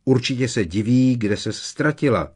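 A man's voice: medium pitch, expressive, a little mellow, slightly rough, pitched above the performer's own voice. A man voicing a sulky, jealous teenage boy wizard who sneers and snaps, in an audiobook reading. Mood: jealous, sneering. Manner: sneering, snapping.

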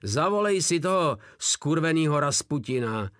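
A man's voice: a little high, very animated, fairly bright tone, dry recording, clean studio sound, voice pushed up. A man voicing a hulking, foul-mouthed soldier who bellows crude threats. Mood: rowdy, crude.

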